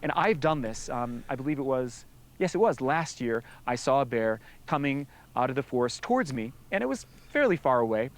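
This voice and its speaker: A man explaining bear safety from his own experience in a relaxed, explanatory way, now and then acting out short quoted lines. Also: mid-range voice, fairly quick. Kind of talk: informative explanation.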